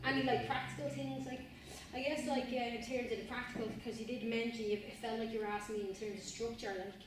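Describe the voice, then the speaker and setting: A woman's voice: on the high side, level tone, quick pace. Young woman, guest speaker, loose filler-heavy chat; mic distant in a very echoey, noisy room. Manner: conversational, frequent fillers. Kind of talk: casual talk to a student group. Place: university room.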